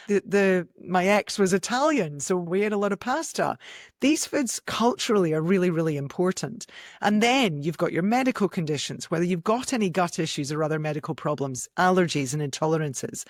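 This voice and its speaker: A woman's voice: fairly low pitch, dry recording. Scottish lady on a podcast, upbeat and down to earth, dry close sound. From Scotland. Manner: enthusiastic, practical, laughs easily. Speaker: nutrition scientist guest. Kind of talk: podcast interview.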